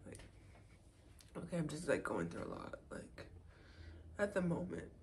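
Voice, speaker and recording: A vlogger talking to the camera while fighting back tears, speaking haltingly with many pauses and fillers, and sometimes dropping into a whisper. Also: mid-range voice, big pitch swings, a little hiss or hum. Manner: drops into soft whispers at times. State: tearful, holding back crying. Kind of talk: personal vlog, talking to camera.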